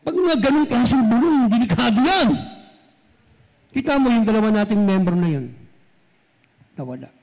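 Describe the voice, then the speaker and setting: A man's voice: very high-pitched, sing-song, normal speed, long pauses, darkish tone. A man preaching a sermon as pastor, speaking straight to his congregation and switching between Tagalog and English. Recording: long reverb from a large hall.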